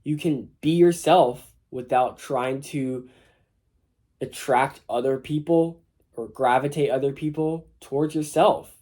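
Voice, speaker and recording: Slow, warm, and mid-range, this voice comes from a late-teen guy with a mild cold. He rambles informally through self-improvement advice for his viewers in a casual to-camera vlog, peppering it with "you know."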